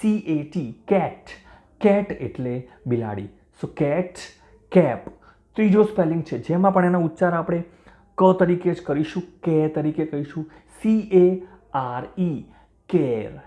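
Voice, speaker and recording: A man teaching English pronunciation to beginners, spelling out words letter by letter and repeating each one slowly and clearly. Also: a little high, lively intonation, muffled recording. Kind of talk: language lesson for beginners. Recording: roomy echo.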